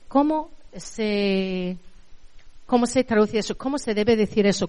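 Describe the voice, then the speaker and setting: A woman's voice: mid-range voice, a little mellow. A middle-aged woman from Spain with a Spanish accent, giving a conversational university lecture on translation and often checking in with her audience. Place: lecture hall. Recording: reverberant hall.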